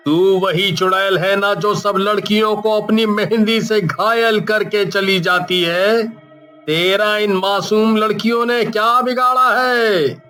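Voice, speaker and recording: Guy doing a slow stern cartoon priest, high bright voice, faint music behind. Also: heavily acted. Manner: slow, scolding, commanding. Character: stern middle-aged male priest exorcist. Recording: faint music, slightly distant.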